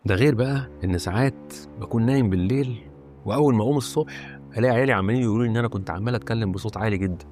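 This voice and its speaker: Rapid-talking Egyptian man telling a story. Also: fairly low pitch, a little mellow, soft background music. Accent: Egyptian Arabic. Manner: rapid, conversational retelling. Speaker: horror channel host. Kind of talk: first-person storytelling.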